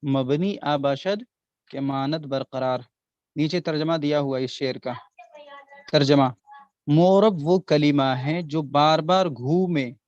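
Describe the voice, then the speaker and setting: A man's voice: on the high side, no room sound, dull audio. A man teaching Arabic grammar in an online class, patiently repeating examples and checking that students follow. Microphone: online class audio.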